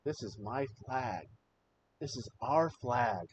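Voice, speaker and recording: A man's voice: medium pitch, expressive, slow. A man hosting a live show, giving impassioned, emotional political commentary and swearing freely. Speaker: livestream show host. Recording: slightly dull audio with faint noise.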